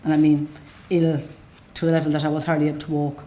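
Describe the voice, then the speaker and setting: Fast and monotone, yet warm and low-voiced, this middle-aged Galway woman speaks with a west of Ireland accent. She is a patient giving an unscripted, plain, matter-of-fact personal account.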